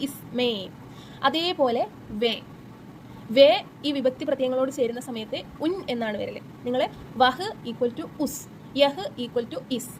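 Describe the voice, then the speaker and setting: Young woman with a malayali accent, teaching, asks and answers her own questions, voice on the high side. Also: slight background noise, low-quality recording. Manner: reads the textbook text slowly and deliberately. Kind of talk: exam-prep lesson.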